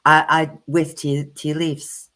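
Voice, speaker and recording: A woman's voice: sits low, flat delivery, takes it slowly, sharp tone. A woman who reads tarot, telling stories bluntly and chattily on a livestream over a video call. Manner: chatty anecdotal storyteller, blunt. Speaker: tarot reader co-hosting a livestream. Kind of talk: casual livestream chat.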